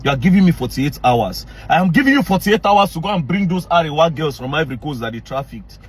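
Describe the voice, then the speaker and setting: A Nigerian man with a high, husky voice rants straight into the camera. He is angry and confrontational, circling back on the same lines and slipping into Pidgin. His delivery is hard, direct and relentless. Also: sing-song, fast talker. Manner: angry, confrontational, repetitive, mixing Pidgin into English. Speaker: online commentator. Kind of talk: heated rant to camera.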